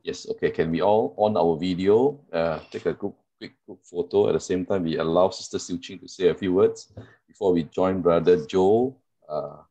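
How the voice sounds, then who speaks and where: A very deep, mellow-voiced man hosts an online meeting over a video call. He talks briefly and passes the floor on, his voice slightly husky. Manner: brief, hands over to speakers. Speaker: session host.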